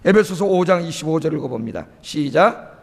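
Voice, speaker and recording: A man's voice: on the high side, animated, brisk, creaky. A middle-aged male pastor preaching a sermon, emphatic, and often firing rhetorical questions at the congregation. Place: church sanctuary. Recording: long reverb of a church hall.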